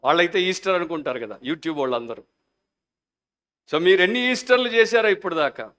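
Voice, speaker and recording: A man's voice: sits high, expressive, a little fast. Fervent man preaching a sermon. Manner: fervent preaching, shifting into quiet prayer; mixes English phrases into Telugu. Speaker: pastor.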